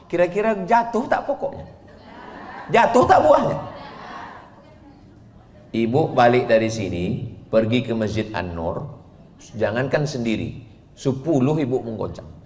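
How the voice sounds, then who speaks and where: A man, preaching in a lively religious lecture, teasing the crowd with questions and chanting verses. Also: medium pitch. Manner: playful, teasing questions, chanted Quran recitation. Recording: echoey hall with long reverb.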